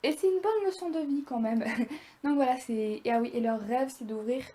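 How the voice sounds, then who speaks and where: Chatty young woman with a mellow voice. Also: high voice, moderate pace. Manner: chatty, rambling, animated. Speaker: video creator. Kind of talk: casual review vlog.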